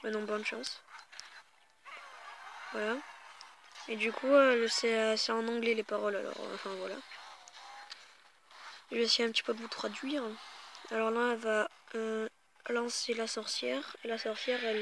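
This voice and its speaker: A woman's voice: a little high, level tone, moderate pace, pauses often, fairly bright tone, a little hiss or hum. A woman casually commenting on a mobile game as she plays it, talking straight to her viewers in a chatty way with many fillers and restarts. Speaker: gaming YouTuber.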